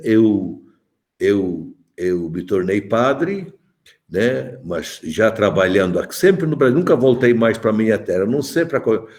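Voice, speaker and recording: A man's voice: lowish voice, darkish tone. A man in his seventies from Malta, a bishop giving a joking, chatty catechesis talk to adults and calling on them by name. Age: 70s.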